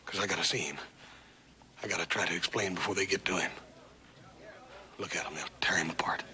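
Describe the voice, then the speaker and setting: An actor playing a loyal, troubled, big-hearted rancher in a 1960s TV western, with halting, folksy American speech. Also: male voice, low voice, bright, forceful tone. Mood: troubled, earnest. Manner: halting, folksy, plain-spoken. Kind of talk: 1960s television western acting. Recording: noisy old TV soundtrack.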